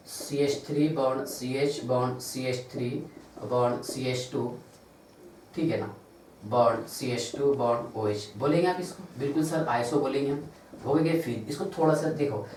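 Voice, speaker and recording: A man with an Indian Hindi accent teaching chemistry in a classroom lecture. He counts carbons aloud, spells out formulas slowly, and asks questions that he answers himself. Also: on the high side, darkish tone. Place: large classroom. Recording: echoey room, distant mic, faint noise.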